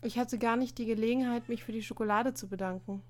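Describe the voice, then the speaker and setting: A woman's voice: on the high side, fairly even intonation, quick pace, close to an everyday voice. A woman voicing an exasperated schoolboy. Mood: musing. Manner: irritated, sighing, eye-rolling replies.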